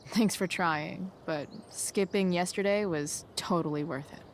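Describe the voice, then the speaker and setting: Teenage punk girl, video game character, sarcastic, guarded, lowish unhurried drawl, background noise. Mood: dry, sarcastic.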